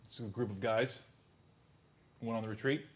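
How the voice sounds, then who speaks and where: A man preaching a sermon. He swings from loud outbursts to hushed near-whispers and repeats words as he builds a point. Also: lowish voice, steady tone, normal speed. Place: church service.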